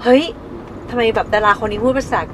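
A woman's voice: a little high, steady tone, brisk, noisy background. A woman co-hosting a casual film review podcast, chatty and playful, often slipping into funny character voices. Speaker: podcast co-host.

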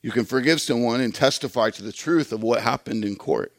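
A man's voice: medium pitch, a little fast, dry recording. A man preaching a sermon in an earnest, conversational way, often repeating words as he goes. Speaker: pastor.

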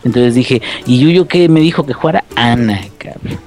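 A man's voice: mid-range voice, normal speed, a little mellow. A man with a Mexican accent telling casual, rambling stories full of slang and swearing. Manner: rambling, slangy, profane, jokey. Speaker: podcast co-host. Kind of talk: casual storytelling chat. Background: background music.

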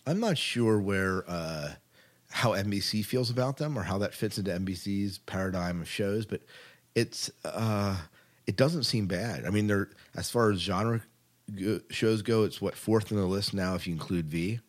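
Speaking at a normal speed in a lowish voice, an American podcast host works through a news segment, partly reading items aloud and partly chatting informally.

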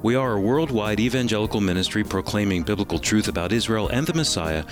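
A man's voice: fairly low pitch, expressive, quick pace. A man working as a radio announcer, reading a scripted program sign-off. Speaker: radio announcer and executive producer. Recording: clear music bed behind voice. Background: theme music.

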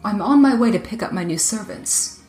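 A woman voicing a proud, sly male dragon in a storybook reading, speaking in a smooth, boastful way. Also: mid-range voice, lively intonation, fairly quick, darkish tone, soft background music, close to an everyday voice. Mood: smug.

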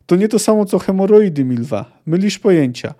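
A man's voice: sits high, expressive, brisk, dark tone, pitched above the performer's own voice. A man reading aloud and voicing a pompous, talkative male poet with lofty, wordy speech.

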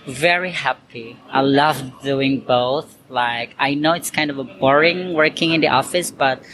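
A man from Cebu in the Philippines, an accountant and Zumba instructor, answers interview questions chattily and loosely, full of "like" and "you know". His medium-pitched voice is a little slow, with a crowd behind him and noisy background hiss.

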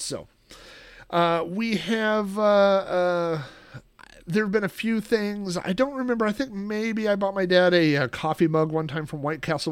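A middle-aged man chatting casually on his own show, drifting from one thought to the next and filling gaps with ums and uhs. His voice sits a little high for a man, and it is recorded close and dry with no room sound. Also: dry recording. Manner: rambling, many ums and restarts. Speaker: podcast host. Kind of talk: casual solo chat.

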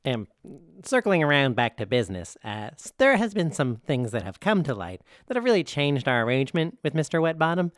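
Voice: medium pitch, sing-song, a little fast, no echo, studio quality. A player in a tabletop role-play game, hesitant and reasoning things through.

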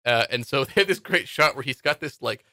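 A man's voice: medium pitch, expressive, a little fast, pushed and bright, dry recording, clean studio sound. A man on a podcast giving a rambling, casual recap of a film's plot, with many "like"s. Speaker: podcast co-host. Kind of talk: casual chat.

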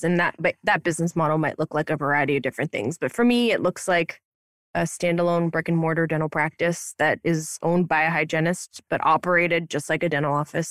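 Her voice sitting low on a dry, clean studio recording, a Romanian woman in her thirties chats playfully for a podcast, leaning on slang and "like." She's a dental hygienist and practice owner, speaking from her upstairs office at the practice.

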